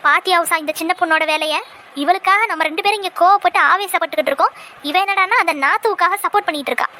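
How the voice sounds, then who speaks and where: A woman voicing two loyal young women friends in a cartoon, teasing and quick to take offence. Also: extremely high pitch, bright, forceful tone. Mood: indignant. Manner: teasing, indignant. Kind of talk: cartoon voice acting.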